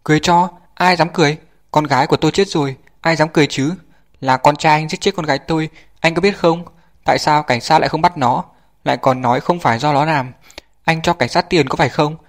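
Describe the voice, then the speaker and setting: A man voicing a grieving mother, a woman who hysterically hurls shrill screaming accusations. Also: fast, lightly acted. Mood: furious shrieking.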